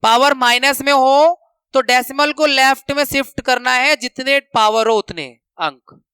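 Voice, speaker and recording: A man teaching a maths lesson, counting steps out loud and repeating the rules for students to remember, speaking terms. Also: very high-pitched, a little slow, smooth, no echo. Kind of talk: classroom lesson explanation.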